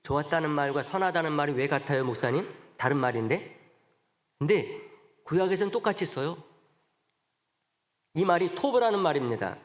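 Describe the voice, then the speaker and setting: A man preaching a sermon as pastor. He asks the congregation rhetorical questions, swings up to loud emphatic peaks and drops low and soft again. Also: lively intonation, moderate pace, long pauses. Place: church sanctuary. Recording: long reverb of a church sanctuary.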